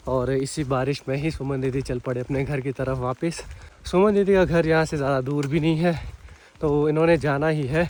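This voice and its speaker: A man's voice: fairly high pitch, a little mellow. A young man chatting casually as he vlogs his rainy day in the hills and a car ride, easygoing and teasing. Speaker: vlogger. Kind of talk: casual vlog narration. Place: outdoors in hills and in a car, rain.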